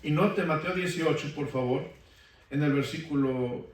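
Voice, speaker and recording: A man preaches in a church sanctuary, his voice set a little high for a man and heard from far off. The room rings with heavy echo. He keeps asking the congregation questions for them to answer back. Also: unhurried. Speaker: pastor. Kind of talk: sermon.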